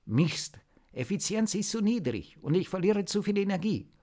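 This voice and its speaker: A man voicing a brisk young team leader woman. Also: sits high, sing-song, mellow, voice pushed up. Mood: urgent. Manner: firm, commanding, quick orders.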